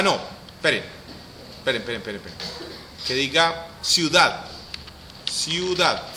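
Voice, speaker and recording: Male instructor, slow and repetitive, with a light voice over a hissy recording. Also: fairly high pitch, sharp tone, rough recording. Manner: slow, repeats each step aloud. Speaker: teacher. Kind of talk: screen-recorded software lesson.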